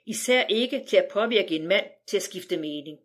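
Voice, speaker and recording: A woman's voice: medium pitch, animated, natural voice. A woman narrator puts on a principled grandmother in an audiobook. She speaks in a firm, declarative way.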